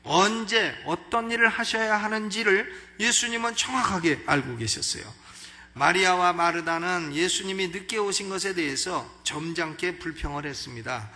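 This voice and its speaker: A male pastor giving an expository sermon at a church service, animated and acting out the voices he quotes. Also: high voice, normal speed. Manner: animated, acts out quoted voices, asks the congregation questions. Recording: long church hall reverb.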